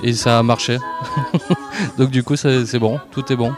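Young man from southern France, festival radio guest, halting and relaxed, average pitch. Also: soft background music. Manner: hesitant, many fillers, easygoing laughs. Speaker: guest musician. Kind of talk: live radio interview. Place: outdoor festival park.

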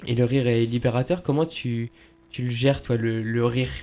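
A man hosting a radio interview, talking conversationally in a reflective, halting way. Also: mid-range voice, fairly even intonation, a little mellow.

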